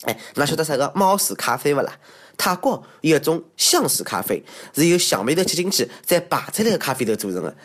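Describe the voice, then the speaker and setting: Fairly quick and very animated, a comedy show host with a Shanghainese accent and a highish voice runs through a comedic monologue about odd news. He mocks himself, exclaims a lot and throws in theatrical asides.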